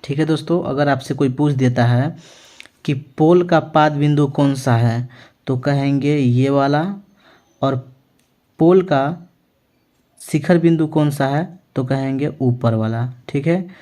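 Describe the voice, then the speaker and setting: A male maths teacher talks through a lesson in a warm, mellow voice at a middling pitch. He keeps asking the viewers questions and answering them himself, and he checks in with them after nearly every point. When he writes on the board, he slows down and spells out his words. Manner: ends phrases with a reassuring check-in. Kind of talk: classroom-style lesson.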